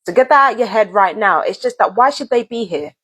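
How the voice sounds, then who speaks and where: A woman vlogger in full rant, her voice pitched high with a breathy, husky edge. She swears a lot and circles back to the same lines again and again, talking straight to her audience. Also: expressive, fast, fairly bright tone. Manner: angry, profane, repetitive. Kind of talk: heated direct-to-camera rant.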